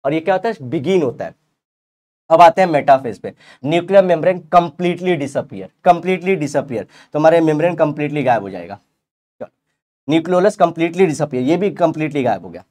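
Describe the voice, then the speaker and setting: A man teaching a biology revision lecture, explaining in Hindi with English terms, reading textbook lines slowly and asking the class questions. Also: on the high side, animated, a little mellow. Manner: playful analogies, asks the class rhetorical questions.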